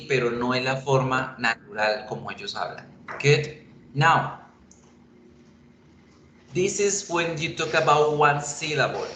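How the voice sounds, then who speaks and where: Slow, patient male English teacher. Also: mid-range voice, fairly bright tone. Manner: patient, explains slowly and repeats examples. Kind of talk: bilingual online class lecture. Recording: echoey room with faint noise.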